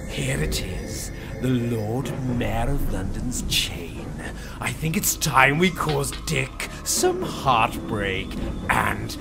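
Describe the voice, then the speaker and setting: A man playing a gloating, scheming rat king in a radio pantomime, with a gravelly, theatrical delivery. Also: medium pitch, lively intonation, slow pace. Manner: theatrical, relishing, rhyming villain speech. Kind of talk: radio pantomime villain acting. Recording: music playing behind.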